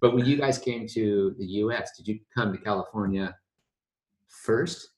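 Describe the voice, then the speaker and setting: Laid-back American male host, very low voice, echoey room, rambling casual delivery. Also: normal speed, a little mellow. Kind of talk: casual chat.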